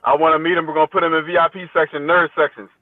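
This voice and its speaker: A teacher in his fifties, slightly high-voiced and very fast, speaks with little pitch movement as a podcast guest. His tone is conversational and good-humored, and he often repeats his phrases in the casual interview chat, heard over a thin, phone-like connection with no echo.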